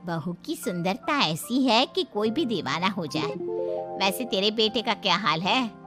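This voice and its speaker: A woman's voice: medium pitch, animated, a little slow, music in the background, close to an everyday voice. A woman voicing a cruel, gossiping older woman friend in a cartoon story, sly and gloating.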